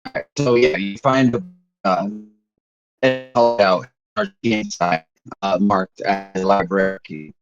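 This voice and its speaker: Low-voiced male game master, voice cutting out on a failing call, muffled lo-fi audio. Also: unhurried. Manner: hesitant, with many fillers. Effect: voice breaking up over a failing online call. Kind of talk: narrating a tabletop game. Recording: dull, lo-fi online call audio.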